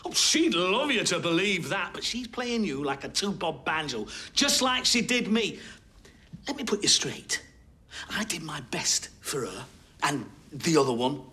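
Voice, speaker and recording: Bitter Northern English husband, calm turning angry. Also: male voice, fairly high pitch, a little slow, full character voice. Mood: scornful defensive. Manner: calm denials turning into angry, scornful outbursts. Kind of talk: TV soap courtroom acting.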